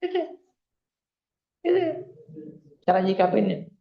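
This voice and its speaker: Male preacher, casual lively sermon, slightly high pitch. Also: unhurried, gravelly, dull audio. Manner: lively storytelling, acts out quoted voices. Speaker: Islamic preacher. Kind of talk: casual Jakarta-style sermon.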